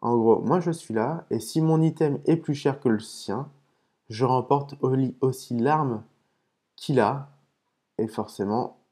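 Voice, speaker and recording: A man hosting a casual gaming video, explaining terms patiently between hesitant pauses and muttered curses at his own mistakes. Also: mid-range voice, mellow. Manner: hesitant, with frequent "euh" and restarts. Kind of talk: casual commentary while opening game cases.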